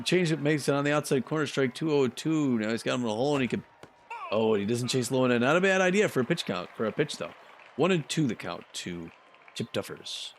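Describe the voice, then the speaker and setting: A man's voice: mid-range voice, slight background noise. A man calling a simulated baseball game play by play, chatty and cheering on his team. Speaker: commentator.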